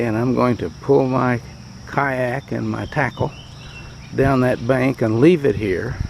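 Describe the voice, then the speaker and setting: A man narrating a fishing trip outdoors by a rural creek in a plain, matter-of-fact, unhurried way, speaking into a handheld camera. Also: mid-range voice, gravelly, darkish tone, a little hiss or hum. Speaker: fishing vlogger. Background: insects and countryside ambience.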